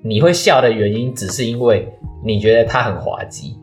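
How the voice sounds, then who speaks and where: Faint music plays behind this young man's mid-range voice, which moves at a normal speed. A student and podcast co-host, he chats casually, giving long explanations peppered with hesitant fillers.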